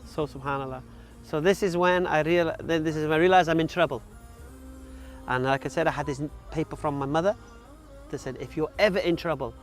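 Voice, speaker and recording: He's forty, grew up in Wales, and speaks frankly and without polish about his own life as an interview guest, dropping in many ums and uhs. The delivery is brisk and a little high-pitched, with faint music in the background.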